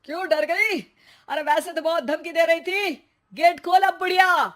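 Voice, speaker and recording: A man playing a threatening, mocking burglar in an animated story, sneering at his victims. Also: very high-pitched, normal speed. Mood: taunting. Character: menacing, mocking male burglar with a gun. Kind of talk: Hindi animated story dialogue.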